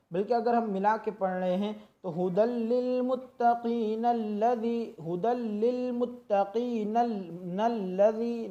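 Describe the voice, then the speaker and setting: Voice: medium pitch, warm tone, highs cut off. A Quran reading teacher giving a tajweed lesson, patiently explaining and drawing out syllables to demonstrate correct recitation.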